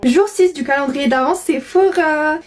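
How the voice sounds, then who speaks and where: A woman's voice: sits high, normal speed, noisy background. A young woman chatting casually as she opens an advent calendar, chatty and gushing with many fillers. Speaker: beauty vlogger. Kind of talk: casual unboxing chat.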